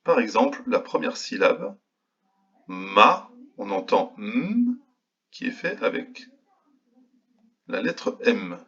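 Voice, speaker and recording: A man who teaches kindergarten sounds out each letter slowly and patiently in a phonics lesson delivered remotely to young children. His fairly low, husky voice is animated with a sharp tone, and the audio sounds dull.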